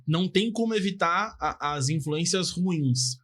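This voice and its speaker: Casual male podcast host, slightly high voice, easygoing and a bit hesitant when asking. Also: measured pace, husky. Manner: relaxed, casual, hesitant questions.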